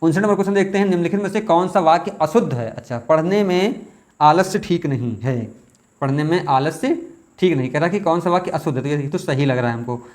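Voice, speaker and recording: A man teaching, working through exam questions aloud, repeating words slowly as he thinks aloud. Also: a little high, expressive, darkish tone. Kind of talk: test question walkthrough.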